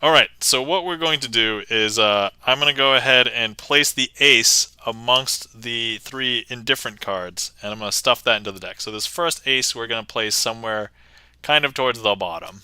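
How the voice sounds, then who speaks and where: Man with a bright, crisp voice. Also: mid-range voice, moderate pace, no echo, low-quality recording. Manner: chatty, laughs often, talks through card moves. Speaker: amateur magician livestreamer. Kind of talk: casual livestream magic patter.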